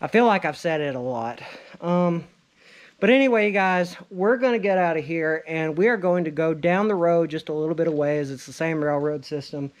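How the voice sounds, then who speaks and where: A vlog host in his thirties narrates a casual outdoor exploration through woods by an abandoned railway, holding the camera and exclaiming in awe. His fairly high voice moves at a moderate pace, with no room sound.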